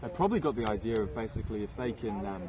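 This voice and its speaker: Guy doing laid-back cricket commentary, joking around, loud crowd noise outside. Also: fairly low pitch, lively intonation, rapid-fire. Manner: chatty, joking. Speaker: match commentator. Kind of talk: casual live commentary. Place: outdoors at a cricket ground.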